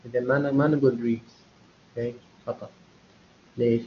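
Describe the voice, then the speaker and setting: A man's voice: mid-range voice, flat delivery, brisk, slight background noise. A man teaching a university English class in a live online lecture. He explains step by step, checks often whether the students follow, and mixes Arabic explanation with English examples. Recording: dull lo-fi online lecture audio.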